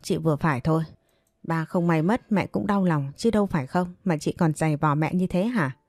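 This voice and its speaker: A woman's voice: deep voice, fairly quick, a little mellow, dry recording. A woman voicing a snapping young stepsister. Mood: angry. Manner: scolding, snapping. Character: sharp-tongued young woman defending her mother.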